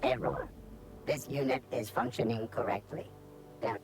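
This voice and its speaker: A woman's voice: rumbling low, measured pace. A woman voicing a malfunctioning ship computer in a video game, speaking in clipped announcements that break off and stutter with errors. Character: glitching female ship computer, malfunctioning and stern. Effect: glitching robotic stutter. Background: game music.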